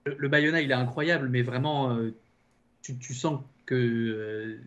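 A man talking casually about films as a critic, halting and emphatic, repeating words as he goes. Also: medium pitch, steady tone, muffled recording. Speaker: film critic. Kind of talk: casual film discussion.

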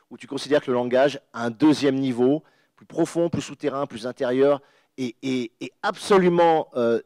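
A man's voice: mid-range voice, darkish tone, no room sound. A man, a guest author on a panel, giving an emphatic spoken explanation with many restarts. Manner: emphatic, restarts and repeats words, acts out sounds. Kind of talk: animated lecture-style explanation.

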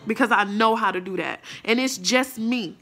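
Bright-voiced profane woman ranting. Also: on the high side, moderate pace, faint music behind. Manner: blunt, profane, defiant. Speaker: mother ranting to camera. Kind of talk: angry monologue vlog.

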